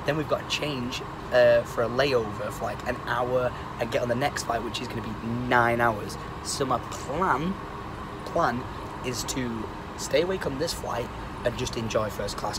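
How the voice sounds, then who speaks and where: Excitable young man on a plane. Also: mid-range voice. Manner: chatty, excitable, swears casually. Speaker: vlogger. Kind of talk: casual travel vlog. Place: aircraft cabin seat. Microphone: handheld phone at arm's length. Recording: loud engine and cabin noise.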